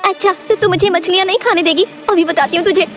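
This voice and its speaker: A woman's voice: very high voice, fairly even intonation, quick pace, over music, voice pushed up. A woman voicing a cartoon village wife who has turned greedy and ravenous, with an exclaiming, theatrical manner.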